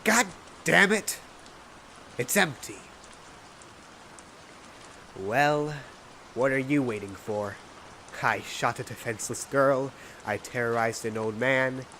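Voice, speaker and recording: A man voicing a manic, mocking, theatrical supervillain clown in a comic dub, taunting and swinging between hush and shriek. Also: medium pitch, lively intonation, takes it slowly, pauses often, a little hiss or hum, heavily acted. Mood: weary defiance. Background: music.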